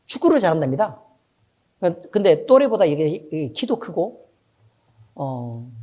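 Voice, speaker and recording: A middle-aged man preaching a sermon as pastor, telling a story with asides to the congregation, swinging between loud emphatic bursts and low, quiet remarks.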